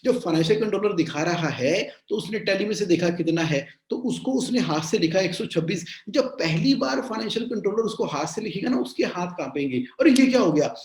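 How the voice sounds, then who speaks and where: A man coaching business owners in a live online session, animated and repeating his phrases, mixing English into his talk. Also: sits high, a little fast, few pauses, echoey room. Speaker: cash flow coach.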